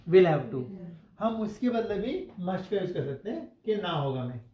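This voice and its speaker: Man, English teacher, classroom grammar lesson, slow word-by-word example sentences, roomy echo. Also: sits high, expressive, mellow.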